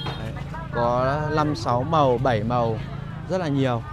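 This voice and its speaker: A man giving a casual walking vlog commentary as a guide, pausing often on fillers as he talks to viewers. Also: medium pitch. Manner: hesitant phrasing with frequent filler pauses. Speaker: market vlogger and guide. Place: outdoors in a busy rural street market. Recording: noisy outdoor market street ambience. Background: market bustle and vehicles.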